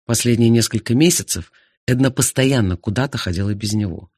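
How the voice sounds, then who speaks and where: A man's voice: medium pitch, a little fast, slightly rough, no room sound, studio quality. A man reading first-person narration in an audiobook, expressively. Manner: expressive, animated. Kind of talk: scripted narration.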